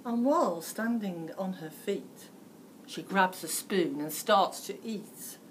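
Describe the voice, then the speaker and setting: A British woman reads a rhyming storybook aloud in the manner of a teacher, theatrical and emphatic with deliberate phrasing. Her voice sits in the mid range, and the audio is poor with some background noise.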